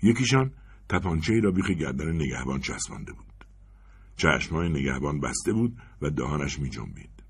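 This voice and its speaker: A deep-voiced man reads a short story aloud with expressive storytelling. His pitch swings widely across sentences. The voice has a husky grain. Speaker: narrator. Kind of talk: audiobook story reading.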